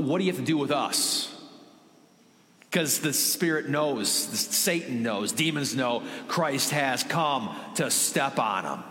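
A man's voice: a little high, fairly bright tone. A man preaching a sermon as a pastor, talking conversationally with joking asides to the congregation and growing emphatic on key points. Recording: echoey hall with long reverb.

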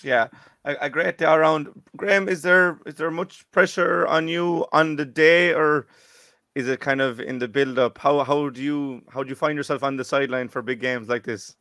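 A man's voice: a little high, steady tone, moderate pace, pushed and bright, no echo, clean studio sound. A man hosting a casual sports podcast and putting questions to guests. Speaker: podcast host, interviewer.

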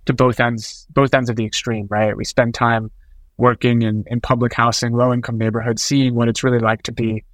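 A man's voice: mid-range voice, flat delivery, normal speed, dry recording. A man speaking as a startup co-founder, telling stories conversationally in an interview with an informal tech-founder way of talking.

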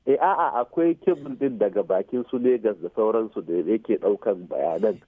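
A man with a Nigerian Hausa accent speaks as an expert radio guest in a fairly low, husky voice, a little fast, mixing English technical terms into his explanations. He uses short tag questions to confirm the listener is following. The recording is dry, with a muffled, phone-like radio quality.

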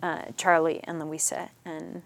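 A middle-aged woman telling a personal story as a podcast guest, earnest and halting, sometimes dropping to a near whisper. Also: low voice, little pitch movement, creaky.

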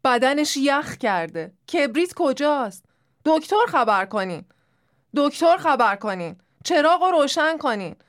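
A frantic young daughter cries out for help in a high, strained voice. The pleading is raw and breathless. It is a character voice in a read-aloud story. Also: female voice, very animated. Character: young woman, panicked daughter who just found her mother dead. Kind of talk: audiobook character voice.

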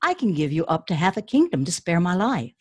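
A woman's voice: lowish voice, very animated, a little fast, a little mellow, husky. A woman reading a storybook aloud, voicing a frightened young prince who pleads for his life in a raised voice. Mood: pleading.

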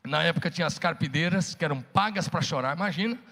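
A man's voice: on the high side, fast, gravelly, bright, forceful tone, big-room sound. A man preaching a sermon, calling on the congregation to answer back. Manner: preaching with call-and-response to the congregation. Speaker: pastor.

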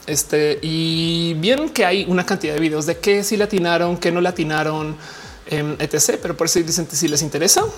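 Slangy low-voiced Mexican woman. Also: fairly even intonation, brisk. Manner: slangy, rambling with many fillers. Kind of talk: casual commentary to viewers.

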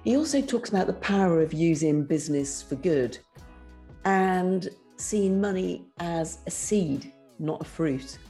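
A woman's voice: on the low side, expressive, a little slow, warm tone, soft background music. A woman with a British accent hosting a podcast in a conversational style. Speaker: podcast host. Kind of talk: podcast introduction and interviewing.

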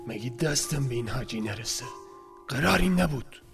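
A man voicing a tense adult male migrant in a story, with a raspy voice, tired and muttering under his breath. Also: medium pitch, animated, over music. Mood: weary.

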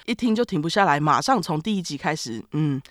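A woman's voice: sits low, lively intonation, brisk, a bit bright, dry recording, studio quality. A woman with a Taiwanese Mandarin accent co-hosting a casual podcast, telling stories animatedly and laughing often. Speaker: podcast co-host. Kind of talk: casual chat, reading listener comments.

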